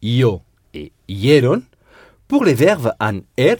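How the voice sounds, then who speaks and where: A man's voice: medium pitch, wildly swooping pitch, slow, darkish tone, dry recording, studio quality. A man teaching a Spanish lesson in French, patiently drilling verb endings and repeating students' answers. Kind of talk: language lesson drilling conjugations.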